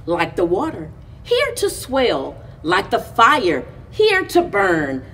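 At library story time, an animated woman slowly reads a picture book aloud to children indoors in front of a chalkboard wall. Her fairly high, creaky voice uses deliberate, expressive phrasing with pauses between short lines. A distant camera mic captures it with slight background noise.

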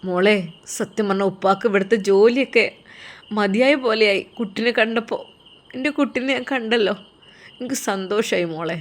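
A woman narrator plays an elderly father in a storybook tale. He speaks softly and low, pleading and tender, on the edge of tears. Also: fairly quick, lightly acted. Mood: tender, tearful.

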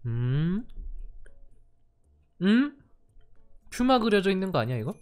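A young Korean game streamer from the standard-Korean-speaking region chats playfully with viewers while playing a cozy life game, reacting casually as he goes. His high-pitched voice is sing-song and a little mellow, and he takes it slowly.

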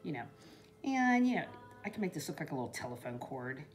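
A woman's voice: low-pitched, big pitch swings, a little fast, soft background music. A middle-aged woman, chatting in a rambling way while she shows a craft project at home, with lots of "you know". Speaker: craft vlogger. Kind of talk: casual crafting demo talk. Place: indoors at a craft table in a home.

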